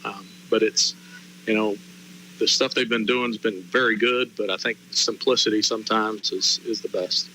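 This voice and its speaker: Lowish, sharp-voiced male color commentator. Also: fairly even intonation, normal speed, a little hiss or hum, poor audio. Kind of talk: conversational football analysis.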